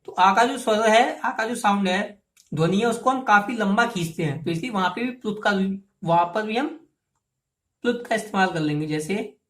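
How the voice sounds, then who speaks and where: A woman teaches a grammar lesson at a medium pitch, patient and methodical. She repeats each term and prompts listeners to say the sounds with her. The room adds a noticeable echo. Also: fairly bright tone. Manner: patient, explains step by step, repeats key terms and asks students to try sounds aloud. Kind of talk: classroom lesson.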